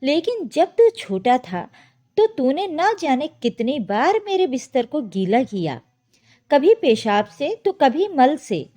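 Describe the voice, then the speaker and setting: A woman voicing an elderly, loving mother who speaks softly and tenderly. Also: high-pitched, sing-song, slow, exaggerated voice. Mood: reproachful. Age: older. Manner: soft, tender.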